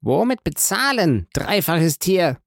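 A man putting on a haughty, outraged rich gentleman. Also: a little high, lively intonation, moderate pace, creaky, no room sound, studio quality, voice pushed up. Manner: exasperated, imperious outbursts. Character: haughty, indignant rich gentleman, starving captive. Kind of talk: audiobook character voice.

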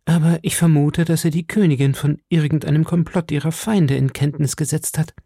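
A man voicing an excitable, trusting young woman for an audiobook, raising his voice high and breathless. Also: fairly quick, vocal fry, dry recording, clean studio sound. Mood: eager. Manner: breathless, eager, pitched high. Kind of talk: audiobook reading.

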